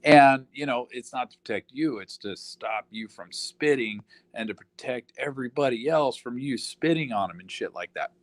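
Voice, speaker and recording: A man's voice: medium pitch, expressive, moderate pace, hardly any pauses, no echo. A man ranting in casual talk, profane and rambling, full of fillers like "you know".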